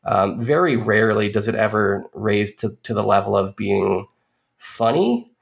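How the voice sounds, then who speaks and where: A man's voice: lowish voice, animated, unhurried, creaky. A man co-hosting a podcast, giving a casual movie review in a rambling way with dry, sardonic asides.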